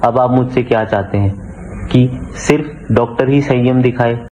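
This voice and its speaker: A man speaks as a doctor in an earnest, aggrieved way, often repeating his phrases for emphasis. His voice is mid-pitched. The recording is dull, with faint noise behind it. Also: moderate pace, dark tone. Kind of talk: video statement.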